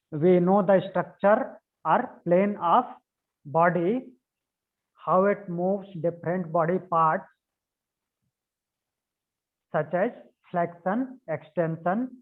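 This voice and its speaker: A slow-speaking man with a fairly high voice teaches yoga anatomy over a video conference call. He dictates notes, repeats his phrases and spells out key words letter by letter. The call audio sounds narrow and phone-like. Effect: heard over a video conference call. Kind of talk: online class lecture, dictating notes.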